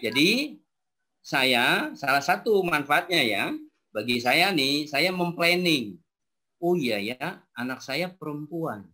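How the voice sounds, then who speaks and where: A man's voice: a little high, animated, takes it slowly, bright, forceful tone. A man in his forties giving a religious parenting lecture to an audience of teachers, talking to them directly and dotting his points with "ya" and "nah". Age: 40s. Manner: addresses audience directly with frequent rhetorical "ya" and "nah". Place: talk before a live audience.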